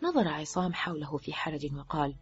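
A woman narrating an audiobook of a novel in a lively, expressive reading. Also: deep voice, fairly quick. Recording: dull lo-fi with faint music.

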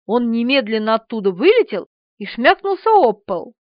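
A woman reads a novel aloud with an expressive, animated delivery. Her voice sits high and swings widely. The recording is dry and slightly muffled. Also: moderate pace, dry recording. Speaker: audiobook narrator. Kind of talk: expressive audiobook narration.

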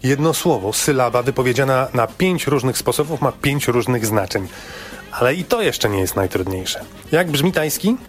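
A man telling a scripted radio travel report in a lively, playful storytelling way. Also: mid-range voice, normal speed, soft background music.

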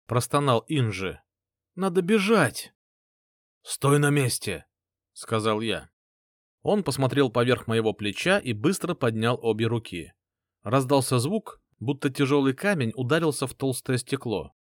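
A man narrating a first-person fantasy audiobook in an expressive reading style. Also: mid-range voice, no room sound, clean studio sound.

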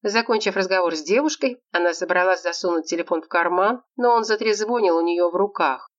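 A woman reading a detective novel as an audiobook narrator, calm and steady, in a slightly dull recording. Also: lowish voice, a little fast.

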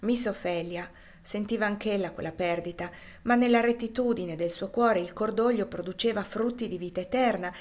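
A woman reading a classic novel aloud as an audiobook, in a measured, expressive narration. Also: medium pitch. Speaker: reader.

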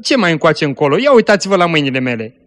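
A man's voice: on the high side, very animated, fairly bright tone. A man voicing a poor, ragged, hungry little girl who speaks in a pleading, plaintive way. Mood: complaining.

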